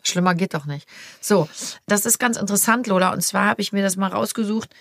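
A middle-aged woman hosting a podcast, chatting casually and telling animated stories. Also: medium pitch, fairly quick, vocal fry, no room sound, clean studio sound. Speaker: podcast host, mother. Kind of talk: casual chat.

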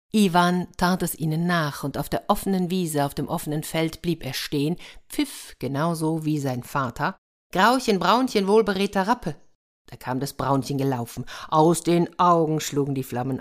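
A woman narrating a fairy tale for an audiobook in a lively way, speaking to her listeners. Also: low-pitched, normal speed. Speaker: storyteller.

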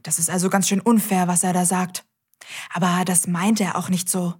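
A woman's voice: on the low side, flat delivery, normal speed, darkish tone, slightly rough. A woman hosting a scripted children's audio show, cheerfully talking straight to the kids.

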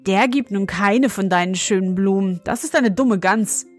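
A woman voicing a cheeky, sulky young schoolboy in a storybook reading, raising her voice high and defiant. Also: normal speed, faint music behind, lightly acted.

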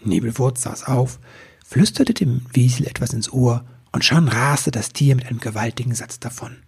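A man narrating a children's Christmas tale in a calm, expressive storyteller's manner. His middle-pitched voice is strikingly husky and breathy throughout. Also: moderate pace.

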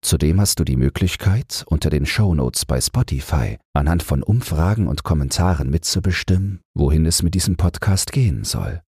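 A man reading a story aloud in a calm, measured way as an audiobook narrator and podcast host, close to the mic. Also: extremely low pitch, breathy edge, dry recording. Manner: slow, measured.

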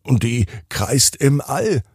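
A man's voice: mid-range voice, sing-song, takes it slowly, slightly rough, no room sound, studio quality, pitched above the performer's own voice, exaggerated voice. A man voicing a young girl in a bedtime story, exclaiming in disbelief. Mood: disbelieving. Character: young girl, wondering, doubtful.

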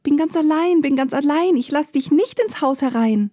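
A woman voicing a tiny frightened piglet in a high squeaky voice, in a storybook reading. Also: moderate pace, mellow, no echo, clean studio sound, lightly acted. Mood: defiant.

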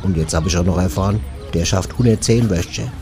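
A man doing comedy banter, rambling and deadpan, often stammering over his words. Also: sits low, brisk, faint music behind.

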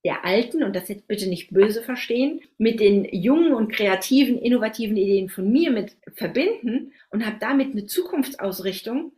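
A woman's voice: fairly high pitch, lively intonation, moderate pace, hardly any pauses, a little mellow. A woman in her forties, an author on skilled trades, answering interview questions in an emphatic, persuasive way. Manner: emphatic, persuasive, stresses points with "doch" and "so".

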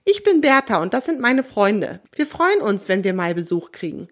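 A woman's voice: mid-range voice, very animated, normal speed, a bit bright. A woman voicing an old, kind and talkative grandmother pigeon who babbles on cheerfully. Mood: welcoming. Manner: babbling, chatty.

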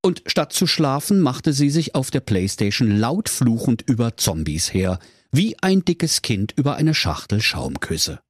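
Animated playful male storyteller. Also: medium pitch, measured pace, husky, dry recording, studio quality. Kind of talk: comic bedtime story narration.

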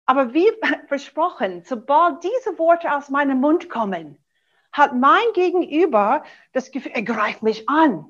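A middle-aged American woman, a native English speaker, coaching a webinar in German in an animated way and acting out short sample dialogues, on dull lo-fi webinar audio. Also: sits high, measured pace. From USA. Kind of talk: webinar teaching.

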